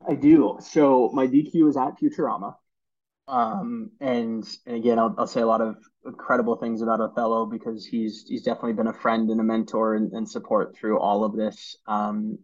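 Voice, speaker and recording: A man in his thirties tells stories as a podcast guest, earnest and halting, often restarting his sentences. His voice is mellow and relaxed. The audio sounds a little dull and lo-fi. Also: lowish voice. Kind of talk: casual storytelling interview.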